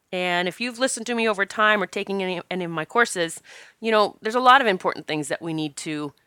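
Stuffy from allergies, a woman from Northeast Pennsylvania hosts her casual podcast in clean studio sound with no room tone. She has a lowish, bright, forceful voice with a clean tone, and she chats supportively, dropping in fillers.

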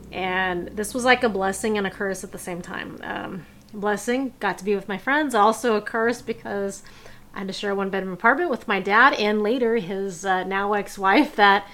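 Woman telling personal stories, laughing softly. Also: medium pitch. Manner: casual, laughs often, many fillers like "um" and "like". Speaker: podcast host. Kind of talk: personal storytelling.

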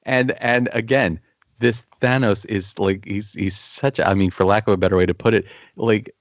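A man with a lowish voice chatting casually about comics, enthusiastic and stumbling over repeated words as he hunts for the right phrase. The sound is dry and a little dull, like a lo-fi recording. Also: fairly even intonation, moderate pace, dry recording. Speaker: podcast co-host discussing comics. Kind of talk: casual chat.

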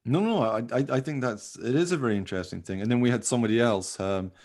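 Fast-talking and a little mellow, this mid-range male voice belongs to a podcast host who also writes radio plays. In casual conversation he rambles informally, frequently leaning on "you know."

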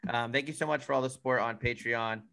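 A man's voice: medium pitch, steady tone, quick pace, creaky, bright, forceful tone. A young man with a New England accent co-hosting a podcast, laid-back and slangy. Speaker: podcast co-host, boat owner. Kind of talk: casual podcast chat.

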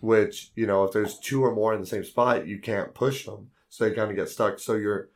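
A man hosting a board game podcast in casual chat, his voice hoarse and worn out from yelling. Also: on the low side, steady tone, normal speed.

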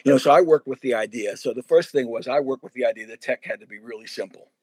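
A man's voice: medium pitch, fast talker, a little mellow, breathy edge, dry recording. A man in a casual podcast conversation, telling stories animatedly, laughing often and acting out his own past thoughts. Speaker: former high school theater director, podcast guest.

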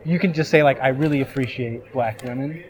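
A man's voice: medium pitch, brisk. A man giving friendly dating advice in a casual conversation at a bar. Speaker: dating coach interviewing strangers. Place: noisy bar. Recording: crowd chatter behind.

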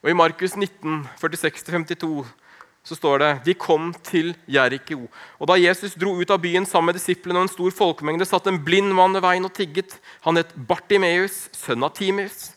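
A man preaching a sermon, earnest and emphatic, slowing down on key phrases and dropping to a hush. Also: sits high, steady tone. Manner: earnest, slow emphatic phrasing with wide swings in loudness.

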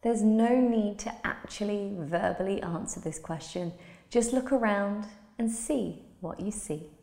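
A woman leads a guided relaxation in a soft, soothing voice, taking her time over every phrase. Her tone is warm and mellow, and the sound carries a long, roomy reverb as if in a large hall. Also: medium pitch, vocal fry. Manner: slow, soothing, soft-spoken delivery. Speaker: meditation guide.

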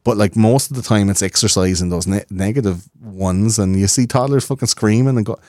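A man's voice: fairly low pitch, fairly quick, darkish tone, no room sound, studio quality. An Irish man talking as a podcast guest, swearing freely and acting out the voices of people he quotes. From Ireland. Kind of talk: casual interview chat.

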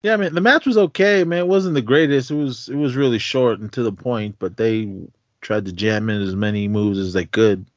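A man's voice: medium pitch, brisk, no echo. A middle-aged man co-hosting a podcast in casual, laid-back, slangy chat. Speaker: podcast co-host. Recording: dull lo-fi, dry close sound.

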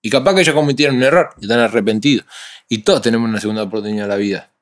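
A young man with a Uruguayan Spanish accent talks in a casual interview. He tells his stories with animated street slang and switches into other people's voices as he goes. His pitch sits in a typical middle range for a man. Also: rapid-fire. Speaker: rapper guest.

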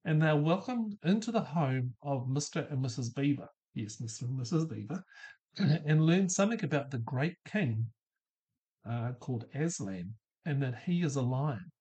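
A middle-aged man hosts a solo podcast, reflecting on ideas thoughtfully, putting questions to the listener and laughing lightly. His mid-range voice is husky and dark in tone, animated and at a moderate pace.

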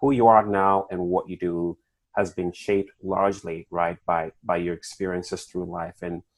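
A man hosting a podcast who introduces a guest and asks questions in a measured way with many filler pauses. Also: sits low, little pitch movement, poor audio. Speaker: podcast host.

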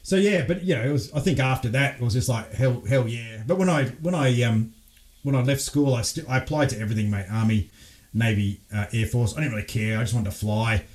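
An Australian man, a former fighter pilot, telling lively stories as a podcast guest, laughing often and restarting his sentences. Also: mid-range voice, quick pace. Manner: animated storyteller, laughs often, frequent restarts. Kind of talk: casual storytelling interview.

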